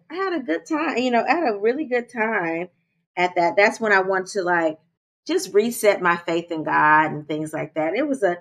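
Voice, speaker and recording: A woman co-hosting a podcast, talking chattily with listeners and calling them y'all. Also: fairly low pitch. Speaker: podcast co-host. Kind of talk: casual podcast chat.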